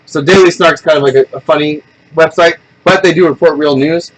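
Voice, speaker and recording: A man's voice: a little high, a little fast, poor audio. A man hosting a casual podcast chat, blunt and opinionated, telling stories animatedly and acting out the people in them. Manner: animated storyteller who acts out quoted people. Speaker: podcast host.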